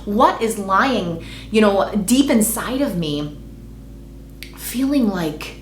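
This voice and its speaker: A woman's voice: mid-range voice, expressive, slow pace, slight background noise. A woman in her forties talking earnestly and with determination in a reflective personal vlog. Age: 40s. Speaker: vlogger. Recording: echoey room.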